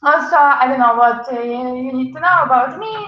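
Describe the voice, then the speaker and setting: A woman's voice: sits high, moderate pace. A young woman presenting a casual online webinar, chatty, with many fillers and frequent laughs. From Ukraine. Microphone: video call. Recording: echoey, dull video call audio.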